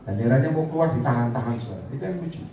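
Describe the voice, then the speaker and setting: A man's voice: mid-range voice, lively intonation, very fast, dark tone. A male evangelist preaches animatedly, his voice swooping up and down as he calls for responses. He sounds set back from the mic, in a hall strong echo and a faint hiss underneath. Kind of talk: sermon. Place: church prayer meeting hall. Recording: echoey hall, distant mic, faint noise.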